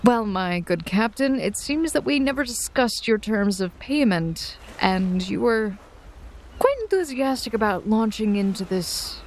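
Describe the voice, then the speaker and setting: Her voice is medium-pitched with lively intonation as she plays a tabletop roleplaying game, moving between character and her own self. This woman player is chatty and playful, quick to laugh at herself.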